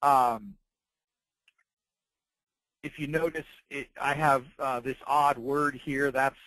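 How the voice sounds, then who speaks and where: A man presenting an informal product tutorial, explaining things in a halting, piecemeal way. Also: medium pitch, fairly even intonation, bright, forceful tone, dry recording, rough recording. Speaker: presenter demonstrating dictation devices and software. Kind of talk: informal product tutorial narrated over slides.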